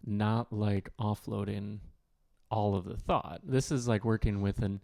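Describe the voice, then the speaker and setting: A man's voice: on the low side, fairly even intonation, measured pace, gravelly, mellow, no room sound, studio quality. A man co-hosting a podcast in casual chat, explaining ideas through analogies with lots of "like". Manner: explains with analogies, many "like" fillers. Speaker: podcast co-host.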